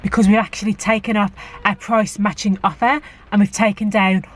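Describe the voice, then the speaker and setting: Standing in a rainy car park outside a shop, a woman vlogs casually with a flat, medium-pitched delivery that runs a little fast. She chats to the camera, offering practical advice peppered with fillers.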